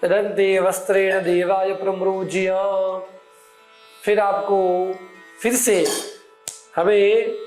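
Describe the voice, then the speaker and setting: High-voiced man chanting puja mantras. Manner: slow, measured recitation of mantras and name litanies. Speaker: puja instructor. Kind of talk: step-by-step puja instruction with Sanskrit chanting. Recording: echoey room with soft music behind.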